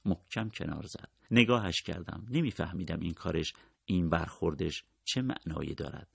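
A man reading a novel aloud in a measured, calm storytelling voice. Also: deep voice, gravelly, no echo, clean studio sound. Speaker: audiobook narrator. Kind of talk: scripted literary narration.

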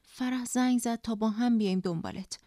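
A woman voicing Parvin, a gentle female colleague softly consoling a friend in a storybook. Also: fairly high pitch, dry recording, clean studio sound, lightly acted. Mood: tender. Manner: soft, tender consoling.

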